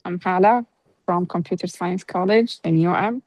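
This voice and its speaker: A woman's voice: fairly low pitch, normal speed, darkish tone. A woman from Saudi Arabia who is a PhD student, speaking briefly and directly on a video call.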